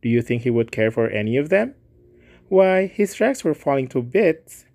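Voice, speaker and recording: A kind-hearted young gentleman speaks up eagerly, his voice lifted higher than the narration around it, voiced by a man reading a story. He sounds earnest and sympathetic. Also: sing-song, moderate pace, vocal fry.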